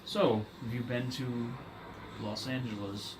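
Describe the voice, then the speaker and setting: A man playing a courteous, wealthy male vampire agent who is new to the night and speaks a bit haltingly. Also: mid-range voice, steady tone, echoey room, background noise, natural voice.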